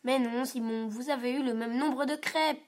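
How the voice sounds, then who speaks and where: A woman voicing a patient, caring mother in a read-aloud picture book, speaking gently. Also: high voice, fairly even intonation, moderate pace, lightly acted. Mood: gentle.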